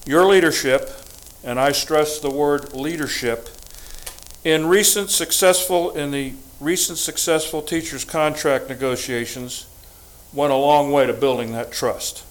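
An older man from the United States giving a prepared, formal statement to a school board, deliberate and emphatic. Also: fairly high pitch, poor audio. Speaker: public commenter at school board meeting.

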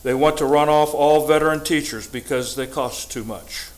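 Older man, formal public statement, fairly high voice, deliberate and emphatic. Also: steady tone, low-quality recording. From United States. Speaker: public commenter at school board meeting.

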